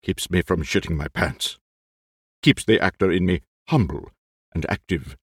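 A man's voice: sits low, a little slow, slightly rough, no echo, clean studio sound. A man performing a nervous, vain, aging Spanish stage actor who talks in theatrical, frantic outbursts. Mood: boastful.

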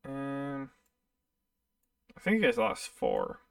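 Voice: mid-range voice, wildly swooping pitch, takes it slowly, gravelly, clear, resonant tone, dry recording, studio quality, distant mic. A game master narrating a tabletop game in a casual, filler-heavy way.

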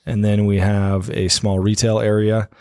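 A man's voice: fairly low pitch, little pitch movement, normal speed, darkish tone, clear, resonant tone, no room sound, studio quality. A young man as a guest on a casual interview show, easygoing and laid-back, with many uhs. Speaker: guest, business co-owner.

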